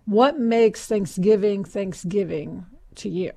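American woman with gravelly vocal fry. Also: medium pitch, slow pace, mellow. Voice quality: somewhat hoarse. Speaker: podcast co-host. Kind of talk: casual podcast chat.

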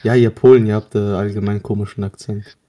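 A teenage boy from Russia hosts a loose chat among friends. His voice is dark and mellow, and he keeps the talk slangy, teasing and full of jokes. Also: on the low side, little pitch movement, brisk, a little hiss or hum. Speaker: podcast co-host.

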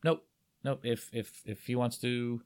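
Man, podcast host, casual chat, halting, lots of restarts, middle pitch. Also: fairly even intonation, a little mellow, smooth. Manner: halting, many restarts and fillers.

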